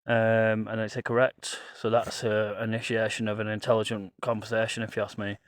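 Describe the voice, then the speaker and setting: A man's voice: fairly low pitch, completely flat delivery, brisk, smooth, no room sound. A man narrating a casual ghost-hunt vlog as a paranormal investigator, musing aloud to himself and to spirits. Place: outdoors on a path at night.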